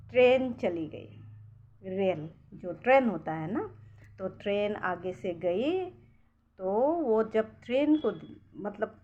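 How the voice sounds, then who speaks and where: A woman telling a story slowly, with halting speech, restarts and repeated words. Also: fairly high pitch, a little mellow, dull audio. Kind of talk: slow casual storytelling.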